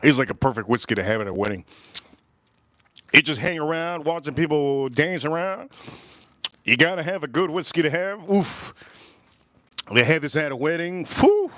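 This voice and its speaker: Between sips on a laid-back livestream, an American whiskey reviewer sighs, exclaims and repeats himself with enthusiasm. His voice is on the high side and a bit bright, with no room sound.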